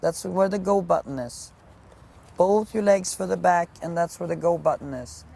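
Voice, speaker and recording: During a live riding lesson, a woman with a lowish, creaky, warm voice coaches with brisk, projected commands. She uses short, repeated phrases.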